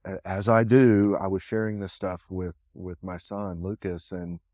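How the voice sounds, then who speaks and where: Low-voiced man telling a rambling story. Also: flat delivery, measured pace, a little mellow, dry recording, clean studio sound. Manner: meandering anecdotal storytelling. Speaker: co-host. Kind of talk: casual podcast chat.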